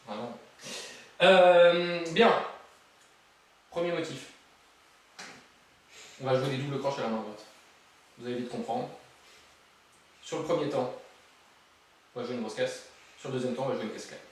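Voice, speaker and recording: A man's voice: mid-range voice, measured pace, pauses often, a little hiss or hum. A man teaching a drum lesson, counting beats aloud and joking between exercises, with drums playing behind him. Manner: playful, jokey asides while counting beats aloud. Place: room with a drum kit. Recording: very echoey room, voice from far off.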